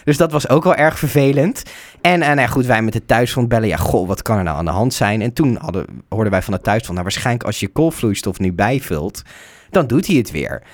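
A young man from the Netherlands telling a road-trip mishap in casual chat, animated, breaking into loud mock shouts. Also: medium pitch, a little fast. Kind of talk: casual storytelling.

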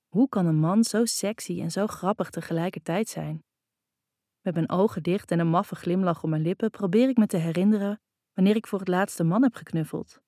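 A woman reads a first-person romance story in an intimate, even way. Her voice is low and warm, close to the mic, with a dry sound and no room echo. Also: fairly quick. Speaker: audiobook narrator. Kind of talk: first-person scripted narration.

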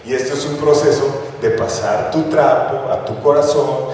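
A man's voice: medium pitch, moderate pace, a little mellow, a little hiss or hum. A man preaching a sermon, telling stories in a casual, conversational way with frequent rhetorical tag questions. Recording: echoey hall from far off.

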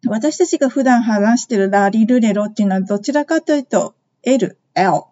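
A woman teaching English phrases in a podcast lesson, explaining them slowly and modeling each one for listeners to repeat. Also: a little high, mellow, highs cut off.

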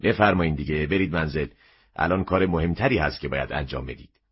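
A man's voice: extremely low pitch, husky. A man voicing a gloomy, curt shopkeeper who grumbles at customers in an audio story. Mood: irritated. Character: gruff gloomy male shopkeeper, dry and curt. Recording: dull lo-fi recording.

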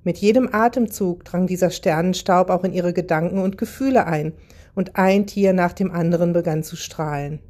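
A woman narrating a children's Christmas story in a calm, even reading style. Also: lowish voice, moderate pace.

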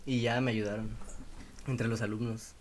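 A man's voice: medium pitch, moderate pace, slight background noise. A young man and university student with a Mexican Spanish accent co-hosting a podcast, telling stories in slangy casual chat. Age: young adult. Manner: slangy storyteller, animated when joking. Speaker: podcast co-host.

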